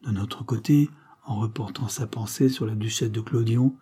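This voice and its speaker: Dark husky male audiobook narrator. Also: lowish voice, fairly even intonation, normal speed. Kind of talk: scripted narration.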